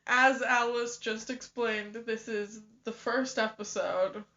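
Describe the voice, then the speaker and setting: A woman's voice: fairly high pitch, fairly even intonation, takes it slowly, pushed and bright. A young woman co-hosting a casual podcast, giggly and a little hesitant as she explains things. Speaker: podcast co-host. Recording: dull lo-fi home recording.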